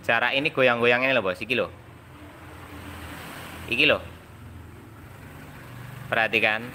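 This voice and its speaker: A man's voice: mid-range voice, unhurried, bright, forceful tone, a little hiss or hum. A man with a Javanese accent who works as a motorbike mechanic, explaining a repair hands-on and imitating machine noises.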